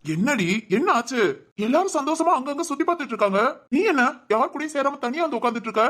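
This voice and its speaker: Cartoon voice: woman playing a brisk, reassuring older brother, mid-pitched, fast talker. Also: expressive. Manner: gentle, coaxing, affectionate teasing. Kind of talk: cartoon voice acting.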